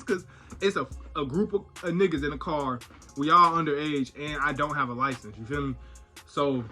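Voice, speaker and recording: A young man with a bright, forceful voice recounts a car mishap in loose, slangy storytime fashion. He jumps into the quotes with lively energy. His pitch sits a bit high, with faint music underneath. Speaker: vlogger. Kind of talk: casual storytime.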